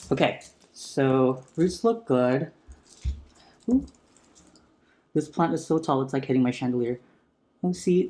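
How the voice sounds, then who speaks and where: Chatty man on a close ASMR mic. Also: a little high. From San Francisco area. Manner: chatty, gently enthusiastic, soft close-mic ASMR delivery. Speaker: plant vlogger. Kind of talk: casual talk-through while repotting. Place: home room with a chandelier. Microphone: sensitive close mic turned up for ASMR.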